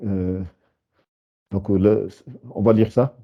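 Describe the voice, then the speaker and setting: Patient man teaching syllables slowly. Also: on the low side, fairly even intonation, muffled recording. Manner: patient, spells syllables slowly, many hesitations. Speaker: Arabic teacher. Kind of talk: live beginner lesson with students.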